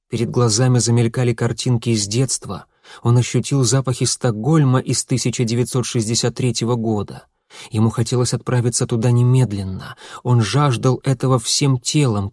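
Man reading a thriller audiobook, even measured voice, mid pitch, dry close sound. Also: no room sound. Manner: steady, measured storytelling. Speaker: audiobook narrator. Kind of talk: audiobook narration.

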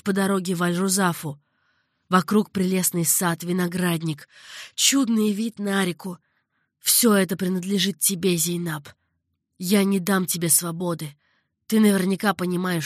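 A woman's voice: fairly low pitch, no room sound, studio quality, lightly acted. A woman voicing an older male caliph who speaks earnestly, patiently and with sorrow. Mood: firm. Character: older male caliph, grave and tender ruler.

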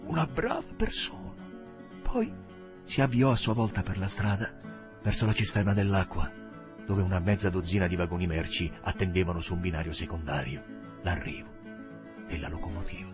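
Man reading a novel aloud, expressive, lowish voice, music underneath. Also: a little fast. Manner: expressive, dramatic phrasing. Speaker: narrator. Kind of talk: audiobook reading.

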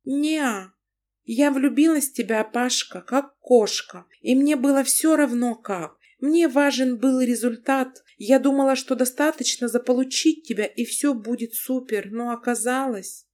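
Brief: woman reader doing a high, brusque, haughty young wife; audiobook reading. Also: unhurried, a little mellow. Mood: blunt. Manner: brusque, mocking.

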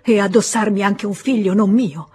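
A self-serving young man, clipped and grumbling, muttering his excuses to himself, as a woman narrator puts him on. The voice stays husky and breathy. Faint music sits behind this audiobook reading. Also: mid-range voice, moderate pace, warm tone. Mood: resentful. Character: cynical young man, wavering lover.

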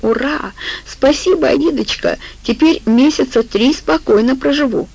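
A woman's voice: medium pitch, lively intonation, normal speed, darkish tone, no echo, lightly acted, low-quality recording. A woman voicing a tipsy, frightened middle-aged drunk woman who whines and hiccups. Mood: gleeful.

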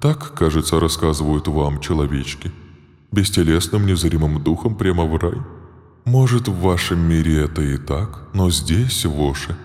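A man voicing a huge, greedy female monster who feeds on souls, speaking slowly and gloatingly. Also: very deep voice, darkish tone. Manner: slow, menacing, gloating. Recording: voice in a long reverb.

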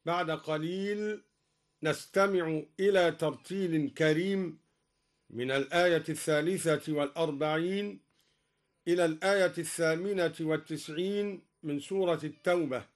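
A man from Egypt, a Quran recitation teacher, explaining reading variants in measured speech and then chanting the verses slowly and melodically in a radio broadcast. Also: fairly high pitch.

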